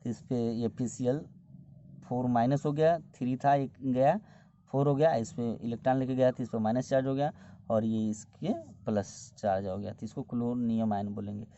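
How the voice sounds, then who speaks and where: A man teaching a chemistry lesson, explaining each step slowly and repeating key terms as he goes. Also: medium pitch, steady tone, dark tone, no echo. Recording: dull, dry lo-fi recording.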